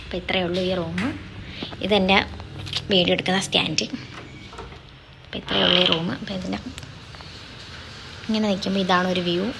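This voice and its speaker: A woman's voice: on the low side, level tone, normal speed, gravelly, pauses often. Chatty young woman, noisy phone audio. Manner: chatty, keeps addressing viewers as guys. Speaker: vlogger giving a home tour. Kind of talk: casual home-tour narration.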